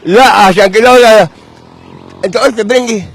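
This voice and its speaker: A man with an Egyptian Arabic accent ranting loudly in a comic street interview, shouting and mock-wailing and dropping in English phrases. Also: sits high, fast, creaky.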